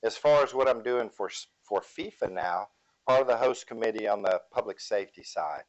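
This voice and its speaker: A man's voice: fairly low pitch, animated, brisk. A man introducing himself on a conference panel as a police chief, plainspoken with dry humor. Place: conference room. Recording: dull lo-fi room audio.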